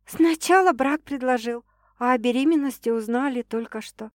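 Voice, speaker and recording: A woman's voice: moderate pace, no echo, clean studio sound, close to an everyday voice. A woman voicing a young pregnant bride-to-be in an audiobook, nervous but cheerful. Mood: excited. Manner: bright, higher girlish delivery.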